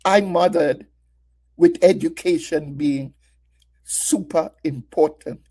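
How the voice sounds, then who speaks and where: A woman's voice: low-pitched, slow pace, dark tone. A middle-aged woman preaching a Mother's Day sermon, asking her listeners many rhetorical questions and sharing her own story. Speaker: women's ministry speaker.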